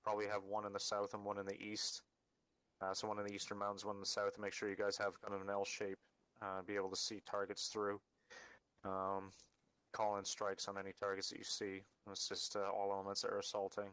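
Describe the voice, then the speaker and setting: Low, flat-voiced man giving a mission briefing. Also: dry recording, poor audio. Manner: matter-of-fact, directing, with halting hesitant delivery. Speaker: mission leader briefing a team. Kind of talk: military-style mission briefing for a game.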